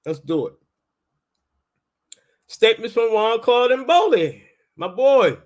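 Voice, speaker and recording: Speaking slowly in a very high-pitched, darkish voice with big pitch swings, this man hosts a casual live talk with debate. He's a linguistics teacher from Baltimore, United States, and explains things insistently and colloquially in a Baltimore accent.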